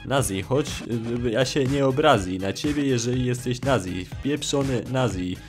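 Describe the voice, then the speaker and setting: A man giving casual gameplay commentary as a gaming YouTuber, excitable, swearing freely and swinging from low mutters to shrill yelps. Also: moderate pace, soft background music.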